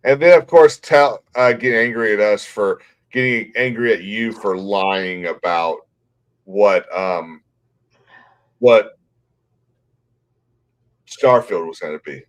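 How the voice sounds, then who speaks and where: Low-voiced man, blunt and easygoing. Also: takes it slowly, pauses often. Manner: relaxed, blunt, laughs easily. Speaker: podcast host. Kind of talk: casual gaming chat.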